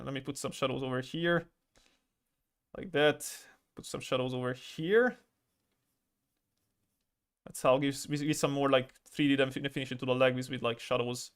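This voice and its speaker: A man's voice: mid-range voice, a bit bright, clean tone. A man livestreaming as an artist, chatting casually while he draws, rambling, stammering and swearing freely. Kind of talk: casual chat while drawing on stream.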